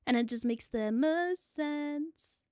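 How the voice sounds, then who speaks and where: A young woman VTuber in a loose, playful livestream chat, tossing out casual swears. Her voice sits high and her pace is slow and easy. The sound is dry and close, with almost no room around it. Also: darkish tone, dry recording. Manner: playful, swearing, chatting with viewers. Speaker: VTuber streamer.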